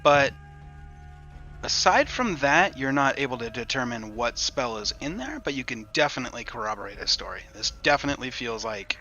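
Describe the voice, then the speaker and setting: A man's voice: medium pitch, very animated, normal speed, pushed and bright, highs cut off, faint music behind. A man casually narrating a tabletop role-playing game as game master, describing scenes conversationally.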